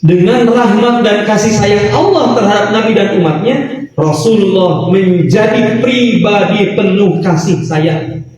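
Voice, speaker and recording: A man preaching a sermon in a lively, sing-song way, quoting Arabic phrases. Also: sits high, a little slow. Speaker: Islamic preacher. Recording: echoey hall, voice from far off.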